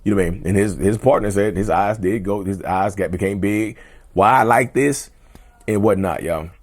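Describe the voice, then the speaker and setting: A man hosts a casual mental health vlog, talking directly to the camera in a loose, conversational way that repeats itself and often calls viewers "y'all." His fairly low voice moves at normal speed and is starting to get hoarse.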